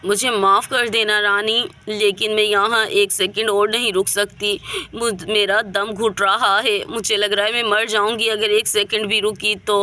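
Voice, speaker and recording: Lady voicing a scared young girl begging, teary and slow, bright tone. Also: medium pitch, little pitch movement. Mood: desperate. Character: frightened young daughter, begging to go home.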